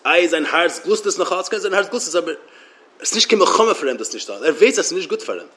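A man giving a Torah lecture as a religious teacher, halting and often repeating words as he restarts his sentences. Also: high voice, expressive, fairly bright tone.

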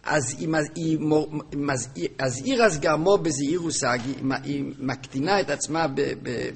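A man giving a religious text-study lesson. He reads passages aloud in a chanting rhythm, then explains them with rhetorical questions, often halting and repeating words. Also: on the high side, gravelly, a little hiss or hum. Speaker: religious teacher.

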